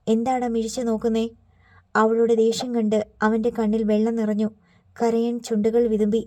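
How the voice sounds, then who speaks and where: A woman reads a story aloud for an audiobook, voicing the characters' lines within her even narration. Her voice sits a little high but sounds mellow and soft. She keeps her pitch level and unhurried throughout.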